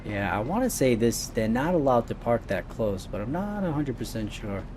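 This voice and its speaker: A man's voice: mid-range voice, sing-song, moderate pace, noisy background. A man giving casual let's-play commentary as the host of a gaming video, with game ambience behind him.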